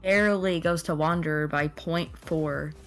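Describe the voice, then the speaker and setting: A woman co-commentating an esports match live, giving easygoing quick play-by-play calls. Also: deep voice, steady tone, faint music behind.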